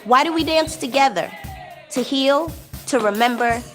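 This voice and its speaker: A woman narrating a documentary with a measured, rhythmic delivery. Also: sits high, music in the background.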